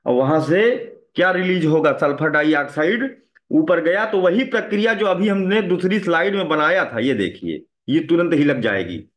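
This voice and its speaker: Guy teaching a class, kinda high voice, keeps asking students stuff and saying "right?". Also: animated, moderate pace. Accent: Hindi. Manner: asks the class questions and repeats "है ना" often. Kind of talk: classroom lecture.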